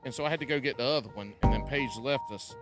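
A man co-hosting a podcast with rambling, joking, profane banter and a gravelly voice. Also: medium pitch, quick pace, over loud music. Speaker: podcast co-host.

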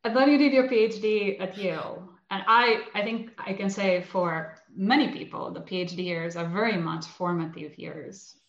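A woman interviewer asking measured, carefully phrased questions. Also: medium pitch. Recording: echoey, dull-sounding remote line.

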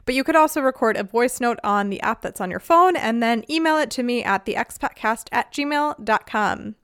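A woman's voice: on the high side, lively intonation, normal speed, fairly bright tone, clean tone, no echo, studio quality. A woman hosting a podcast, talking in a chatty, upbeat way and laughing easily. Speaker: podcast host. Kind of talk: casual podcast talk. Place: lives in Germany.

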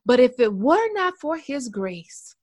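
A woman hosting a faith-based grief interview, speaking in an affirming way with frequent soft murmurs of agreement. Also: sits high, very animated, measured pace. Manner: warm affirming, many soft mm-hmms. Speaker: podcast host.

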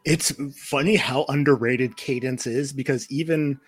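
A man hosting a podcast interview, relaxed and a bit hesitant as he asks questions. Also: medium pitch, normal speed, breathy edge, no room sound. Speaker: podcast host. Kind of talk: casual interview chat.

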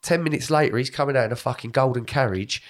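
Hoarse, gravelly southern English bloke. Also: male voice, medium pitch, quick pace. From Britain. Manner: blokey, sweary. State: hoarse from a cold. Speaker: podcast host and comedian. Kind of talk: casual podcast banter.

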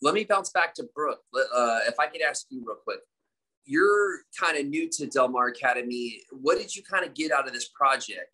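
A man's voice: medium pitch, expressive, normal speed, pushed and bright, poor audio. A man hosting a casual interview over a video call, asking informal questions with easy fillers. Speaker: interview host.

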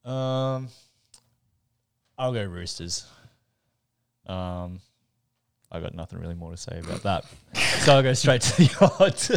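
A man's voice: on the low side, lively intonation, takes it slowly, creaky, pauses often. A man, a laconic podcast co-host, casually giving tips and betting odds. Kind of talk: casual chat.

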